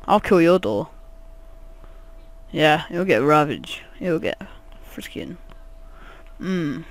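High-voiced, unhurried gamer rambling. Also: male voice, very animated. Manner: rambling, jokey, swears a lot. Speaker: gaming channel host. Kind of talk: let's play commentary.

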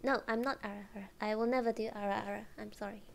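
A woman streamer chatting casually, giggling often and drifting into soft whispers. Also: mid-range voice, fairly even intonation, very fast, vocal fry, a little hiss or hum.

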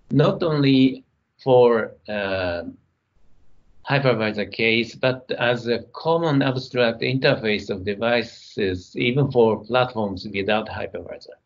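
Low-voiced man giving a technical keynote. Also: highs cut off. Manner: measured, reading slides, some non-native grammar. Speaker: keynote speaker.

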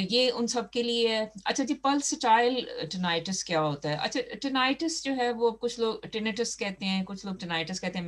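A woman doctor explaining a health topic in a chatty way, with many fillers and restarts. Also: lowish voice.

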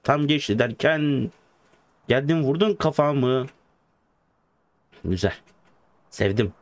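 A young man giving casual gameplay commentary as a YouTuber, swinging between loud excited outbursts and low muttering. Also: takes it slowly. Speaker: gaming YouTuber. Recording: clear background noise. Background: game car sounds.

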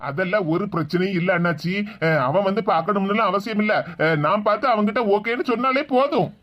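A voice actor plays an exasperated grown son in a cartoon, pleading and arguing with his mother in a Tirunelveli Tamil accent. He talks quickly, in a middle pitch. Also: lo-fi sound, lightly acted. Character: middle-aged son, patient and defensive.

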